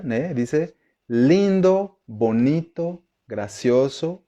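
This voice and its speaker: Guy teaching on a live stream, slow and mellow, keeps asking if everyone's following. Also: medium pitch. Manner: chatty, checks in with viewers often. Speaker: Spanish teacher. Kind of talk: live online lesson.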